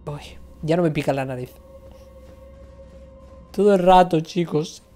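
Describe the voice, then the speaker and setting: A woman's voice: deep voice, measured pace, dark tone, soft background music. A young woman with a Spain Spanish accent chatting and complaining dramatically while streaming a game, swearing freely. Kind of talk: live game stream commentary.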